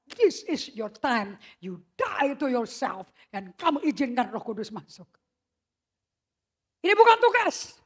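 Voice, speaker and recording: A woman preaching a sermon in a casual, slangy way, mixing in English phrases and swinging from loud shouts to hushed whispers. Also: on the high side, lively intonation, unhurried, husky. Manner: mixes English phrases into her speech; casual slangy emphatic delivery.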